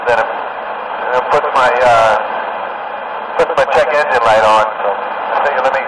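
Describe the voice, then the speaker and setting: A man's voice: mid-range voice, a little slow. A man chatting casually over a CB radio, loose and cursing now and then. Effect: heard over CB radio. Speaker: CB radio caller. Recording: echoey, distant CB radio with loud static.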